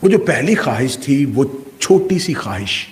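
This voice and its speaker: A male Shia cleric giving a majlis sermon, oratorical and full of rhetorical questions, swinging from loud peaks to hushed asides. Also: medium pitch, very animated. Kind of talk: majlis sermon to a live congregation.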